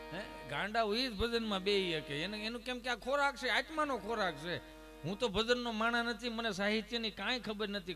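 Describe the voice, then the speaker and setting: A man telling comic folk stories to a live audience, full of lively anecdotes, acted dialogue and rhetorical asides. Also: sits high. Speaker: comic storyteller. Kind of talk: Gujarati folk humor storytelling to a live audience. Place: stage at an ashram program.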